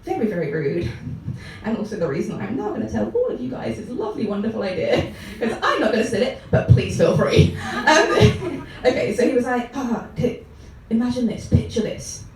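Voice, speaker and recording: A woman's voice: on the high side, sing-song, brisk, a little hiss or hum. Giggly young woman doing stand-up. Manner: giggly, rambling, many ums and self-interruptions. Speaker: stand-up comedian. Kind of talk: stand-up comedy set. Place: comedy club room. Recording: echoey club room, mic heard from a distance.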